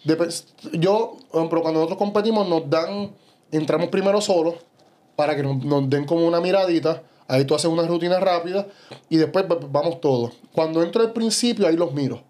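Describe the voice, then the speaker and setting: A young adult bodybuilder with a Puerto Rican Spanish accent tells stories animatedly as a guest on a casual podcast. His voice is fairly high and fairly quick, and he constantly peppers his talk with "you know" and "¿sabes?"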